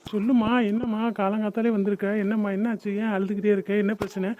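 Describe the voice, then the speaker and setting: A man's voice: sits high, level tone, fast, lo-fi sound, a little hiss or hum, close to an everyday voice. A man voicing a stingy brother who makes excuses, in a cartoon drama. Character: stingy adult brother, male, evasive.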